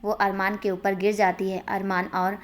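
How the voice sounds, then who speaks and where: A woman reading aloud a family love story in a plain, steady narrating voice. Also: medium pitch, normal speed.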